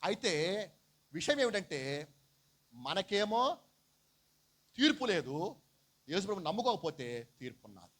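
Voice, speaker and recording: A man with a high-pitched voice preaches a sermon as a pastor. He keeps asking his listeners questions and calls them by fond terms. He slips into the voices of the people in the stories he retells. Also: sing-song, unhurried, pauses often, a bit bright. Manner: acts out quoted people mid-story.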